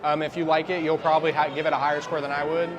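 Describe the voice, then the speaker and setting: A man with a slightly high, level voice talks very fast, with a crowd audible around him. He's doing a casual, vlogger-style food review outdoors at a theme park, thinking his opinions through out loud. Music comes through clearly behind him, along with the sounds of the park.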